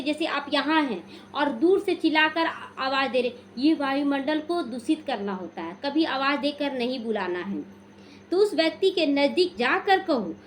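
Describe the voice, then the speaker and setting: Calm high-voiced woman giving devotional talk. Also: a little hiss or hum. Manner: slow, calm, instructive, with restarts and stories. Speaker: spiritual teacher.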